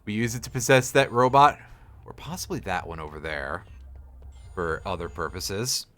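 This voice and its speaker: A man's voice: sits low, moderate pace, fairly bright tone, faint music behind. A man giving casual live gameplay commentary as a streamer, with sardonic, sweary grumbling. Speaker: video game streamer.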